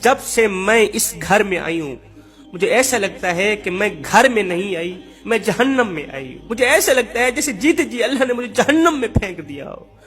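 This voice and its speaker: A man's voice: sits high, lively intonation, fairly bright tone. A man voicing a grieving, mistreated young wife who pleads tearfully and repeats herself. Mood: pleading.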